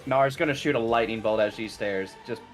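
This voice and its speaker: A man's voice: on the low side, fairly quick, music in the background. A man chatting casually as a player at a tabletop role-playing game.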